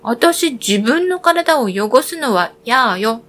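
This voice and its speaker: Spoiled lazy girl in a storybook reading, higher and brushing others off, played by a woman narrator. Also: big pitch swings, normal speed, a bit bright. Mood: snippy. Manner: snippy, dismissive.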